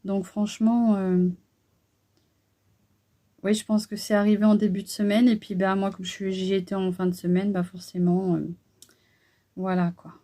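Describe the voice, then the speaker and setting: Chatty woman with a mellow voice. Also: mid-range voice, little pitch movement, normal speed, long pauses. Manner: chatty, hesitant, many fillers. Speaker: beauty vlogger. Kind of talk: casual haul chat.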